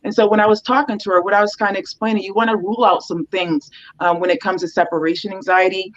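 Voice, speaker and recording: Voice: medium pitch, flat delivery, quick pace, fairly bright tone. A dog trainer explaining behaviour problems in a loose, casual interview, with many ums and you-knows. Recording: dull, slightly lo-fi sound.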